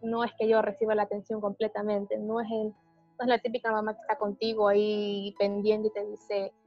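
A woman giving a personal testimony in a conversation, speaking hesitantly with many pauses and restarts. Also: medium pitch, completely flat delivery, highs cut off, faint music behind. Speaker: interviewee describing her panic attacks.

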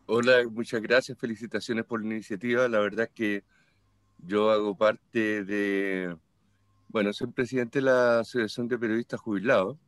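An older man joins a video call through a headset and speaks slowly, stopping and restarting mid-phrase. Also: fairly low pitch, flat delivery, dry recording. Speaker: workshop participant. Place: home room indoors.

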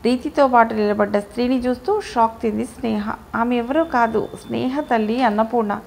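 Female audiobook narrator, a bit high, with a gravelly edge, telling the story herself. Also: moderate pace, a little mellow, low-quality recording. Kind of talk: reading a novel aloud.

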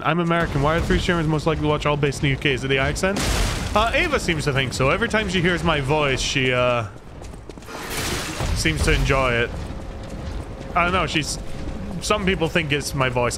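A Scottish man livestreams a video game, chatting casually with his viewers and rambling in a self-deprecating way as he plays. His voice sits on the high side, with lively intonation and a brisk delivery. The recording has noticeable background noise.

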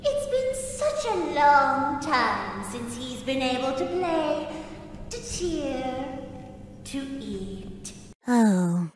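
A woman voicing a sadistic, sugary toy mommy in a video game, theatrical and singsong, with drawn-out gushing delivery. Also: high voice, big pitch swings, a little hiss or hum, heavily acted. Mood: playful, sly. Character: menacing long-limbed toy mommy, sugary sweet and sadistic. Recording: echoing hall reverb, music behind.

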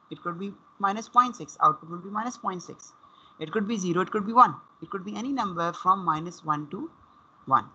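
A man's voice: high voice, creaky, sharp tone, breathy edge. A man with a Pakistani accent explaining as a university lecturer in an online class, repeating and rephrasing as he goes. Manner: repeats and rephrases, switches between English and Urdu. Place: online class over a computer connection. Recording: dull, compressed online call audio.

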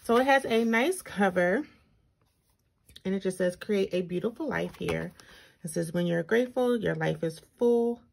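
Creaky-voiced woman talking with braces. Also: mid-range voice, moderate pace, darkish tone. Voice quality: speech slightly impeded by dental braces. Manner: informal, thinking aloud while reading items out. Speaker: planner reviewer, video host. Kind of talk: casual walkthrough vlog, chatty commentary. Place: indoors at a tabletop, hands-only overhead shot. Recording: noticeable background noise with clicks.

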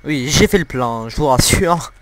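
This young gameplay commentator's let's-play is giggly and crude, packed with fillers and laughter, recorded at home on a desktop mic. His mid-range voice is a bit bright, with lively intonation and a moderate pace.

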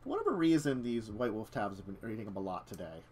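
A man's voice: lowish voice, huge pitch swings, quick pace, a little mellow. A man talking casually as the storyteller of a tabletop role-playing game. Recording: faint noise with keyboard clicks.

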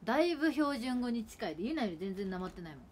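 A woman's voice: on the high side, very animated, very fast, a little hiss or hum. A woman in her twenties from Kagawa, speaking in Kagawa dialect, rambling chattily during a casual livestream at home with her sister. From Kagawa, Japan. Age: 20s. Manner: rambling, chatty, with frequent fillers. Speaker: idol livestreamer.

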